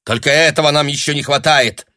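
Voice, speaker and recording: A man's voice: on the low side, lively intonation, measured pace, fairly bright tone, dry recording, clean studio sound. A man voicing a cool, sensible young woman who speaks curtly and coldly, in an audiobook. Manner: cold, curt.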